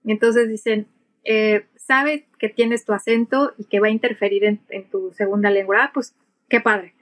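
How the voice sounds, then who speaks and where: A middle-aged woman with a Mexican Spanish accent, a pilot and aviation English instructor, answers conversationally as an interview guest and illustrates points with acted-out examples. Her voice is medium in pitch, with fairly even intonation and normal speed.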